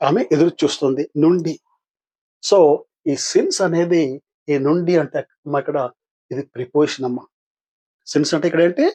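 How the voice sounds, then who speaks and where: Older husky Telugu-accented male teacher. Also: a little high, darkish tone. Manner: patient, asks and answers his own questions. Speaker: English grammar teacher. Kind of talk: exam-practice lesson.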